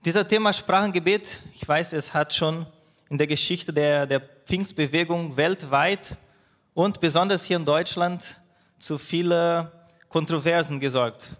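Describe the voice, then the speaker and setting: A long reverb tail hangs on the slightly high, fairly bright voice of a male pastor, a native Portuguese speaker, giving a sermon. His delivery is halting, full of fillers and repeated restarts.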